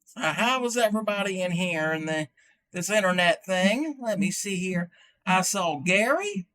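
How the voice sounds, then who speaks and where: A man playing a chatty ninety-year-old grandmother who hosts a livestream, rambling folksily and halting with fillers. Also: sits high, lively intonation, fairly bright tone. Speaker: livestream host showing crochet. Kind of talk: in-character livestream chat.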